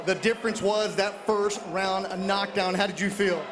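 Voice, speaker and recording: A man doing a live post-fight interview in the ring, speaking up loudly. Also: high-pitched, steady tone, moderate pace. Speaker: ringside interviewer. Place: boxing ring in an arena. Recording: loud crowd noise in arena.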